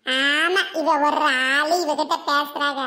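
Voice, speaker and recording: A woman's voice: sits high, steady tone, slow pace, bright, forceful tone. A woman with a sore throat, voicing several village women in teasing comic banter. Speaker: comedy skit performer.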